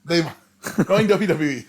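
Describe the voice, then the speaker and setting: A man's voice: fairly high pitch, takes it slowly. A man co-hosting a casual wrestling podcast, agreeable and often echoing the others, with hesitant starts. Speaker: podcast co-host. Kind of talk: casual chat.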